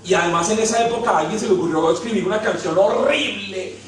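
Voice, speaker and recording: A man with a Colombian accent preaching, telling funny stories about himself and swinging between hushed and loud. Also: high voice, quick pace. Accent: Colombian Spanish. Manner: storytelling, self-mocking, swings from hushed to loud. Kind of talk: humorous sermon. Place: large hall. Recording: very echoey hall, mic at a distance.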